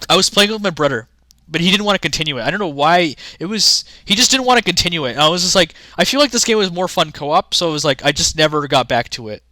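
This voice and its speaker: A man's voice: high-pitched, bright, forceful tone, dry recording, studio quality. A young man rambling casually to his chat during a livestream, often restarting sentences. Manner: rambling, chatty, talks to chat. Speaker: streamer.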